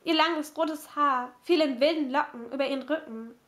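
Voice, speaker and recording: High-voiced woman reading a novel. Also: moderate pace, a bit bright. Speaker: audiobook reader.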